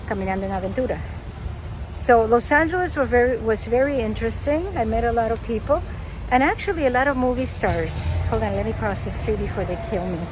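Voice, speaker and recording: An older woman from Cuba, chatting playfully while walking outdoors, slipping in Spanish as she vlogs. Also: a little high. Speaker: vlogger. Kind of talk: casual walking vlog chat. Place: outdoors on city streets, walking. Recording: street traffic noise behind.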